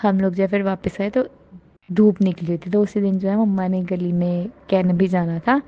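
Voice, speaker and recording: A woman telling listeners about her devotional experiences in a casual, earnest and grateful way, often rising with excitement. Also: medium pitch, moderate pace, dull audio. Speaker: devotee sharing a testimony. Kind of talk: casual spoken testimony.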